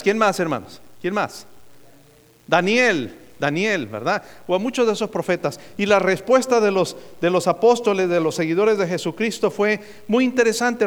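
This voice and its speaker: A man preaching a sermon as a pastor, calling on the congregation for answers and adding joking asides. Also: high-pitched. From United States. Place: church sanctuary. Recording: long hall reverb.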